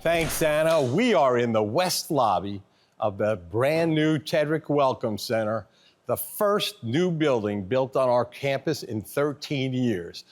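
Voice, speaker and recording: A man's voice: medium pitch, animated, a little slow. A man introducing a building tour in a formal, proud manner. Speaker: foundation executive presenting.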